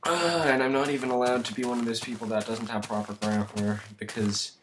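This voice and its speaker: A teenage boy from the United States, tired and sick, rambling through self-mocking gameplay commentary with sudden loud outbursts. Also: medium pitch, steady tone, a little fast. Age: teens. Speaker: let's play gamer. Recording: noisy home recording.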